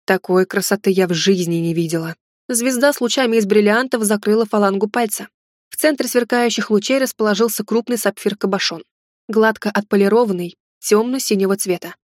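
A woman reading a first-person romance audiobook in a calm, intimate storytelling manner. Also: mid-range voice, brisk, no room sound, studio quality. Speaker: audiobook narrator.

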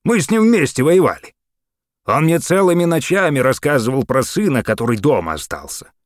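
A feisty old man crows and needles with loud, folksy swagger, as a male reader puts him on. His voice sits high and bursts with energy. The sound is dry and close, as in a studio audiobook. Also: lively intonation, a little fast, no room sound, lightly acted. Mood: gleeful.

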